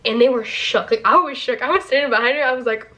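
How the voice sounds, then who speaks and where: A chatty young woman telling stories straight to her camera, her voice sitting a little on the higher side. She rambles along casually, peppering nearly every sentence with "like.". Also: fast talker, bright, forceful tone. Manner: chatty, lots of "like" fillers. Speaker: vlogger, former theme park worker.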